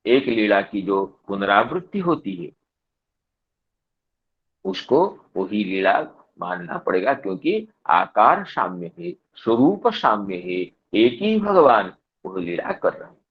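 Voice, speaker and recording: A man delivers a slow, deliberate scripture discourse, his pitch rising and falling widely as he chants Sanskrit lines and then unpacks them. The recording sounds dull and lo-fi. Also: slightly rough. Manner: explains Sanskrit commentary line by line, repeating key phrases. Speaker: Bhagavata katha speaker.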